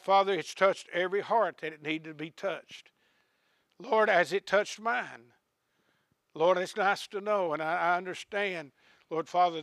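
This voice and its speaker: A man preaches to his congregation, pressing the same questions again and again before he drops into a quiet prayer. His voice sits high and ringing, with a bright, forceful edge. A faint instrumental accompaniment plays softly under his words. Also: dry recording. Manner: rising to shouts of praise, then hushed prayer. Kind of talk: sermon with closing prayer.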